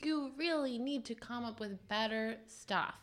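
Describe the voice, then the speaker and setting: A woman in her twenties co-hosting a podcast, telling crude jokes in a deadpan way. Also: fairly high pitch, a little slow. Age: 20s. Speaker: podcast co-host. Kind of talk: casual chat.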